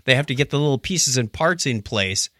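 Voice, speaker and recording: A podcast co-host with a mid-range voice chats casually about shows, talking a little fast. He tells animated stories, acting out the quotes as he goes. The recording is clean studio sound with no room noise.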